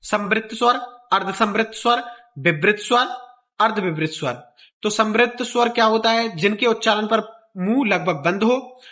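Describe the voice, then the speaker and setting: A man's voice: high-pitched, normal speed, pushed and bright. A male teacher explaining the alphabet for exam students, repeating vowel sounds aloud in a sing-song drill. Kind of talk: exam-prep lesson.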